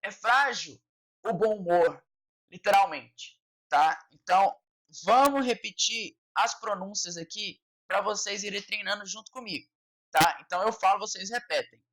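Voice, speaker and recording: A Brazilian woman teaching a French lesson online, explaining patiently and ending nearly every point with a quick "tá?". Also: medium pitch, fairly bright tone, low-quality recording. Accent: Brazilian Portuguese.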